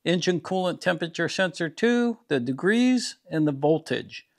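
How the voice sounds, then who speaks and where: A man in his fifties demonstrates scan tools from his home garage for his DIY mechanic channel, keeping the demo casual and his explanations plain, practical and unhurried. He speaks a little high, with lively intonation.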